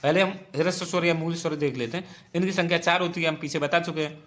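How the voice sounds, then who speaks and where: Guy teaching grammar for exam prep, bit high voice, keeps repeating stuff and asking the class questions. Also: steady tone, quick pace, a bit bright. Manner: explains patiently, repeats points and asks the class questions.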